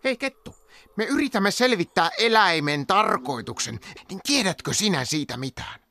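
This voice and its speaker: Cartoon stoat, skeptical and dry, lively pitch. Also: male voice, gravelly, full character voice. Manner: dry, matter-of-fact.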